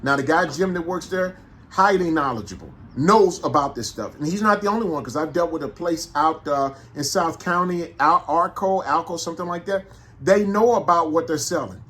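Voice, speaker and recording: A man with a St. in a casual, animated monologue, making his points with repeated rhetorical questions. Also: on the high side, normal speed, breathy edge. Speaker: vlogger.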